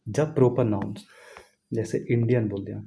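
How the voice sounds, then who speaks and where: A man's voice: lowish voice, moderate pace, dark tone, slight background noise. A man teaching English grammar in a casual classroom style, repeating points and checking that students follow. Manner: repetitive, asks students questions, writes on a board.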